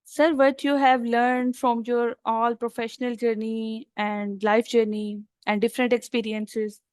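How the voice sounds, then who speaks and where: A woman's voice: a little high, level tone, a little slow, a little mellow, clear, resonant tone, dry recording. Polite, hesitant woman interviewer. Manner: polite, hesitant, addresses guest as sir. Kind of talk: interview questions.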